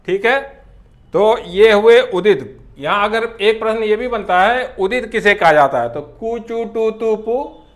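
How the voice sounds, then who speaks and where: A man lectures in a fairly high voice. He speaks very slowly and deliberately, saying each sound on its own as a classroom teacher does. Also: animated. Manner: slow and deliberate, spelling out sounds one by one.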